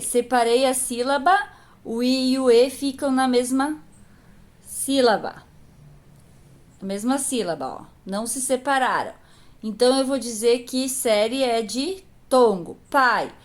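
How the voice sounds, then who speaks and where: A woman teacher patiently explaining a grammar lesson to young pupils, asking questions and answering them herself. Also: fairly high pitch. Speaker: primary school teacher.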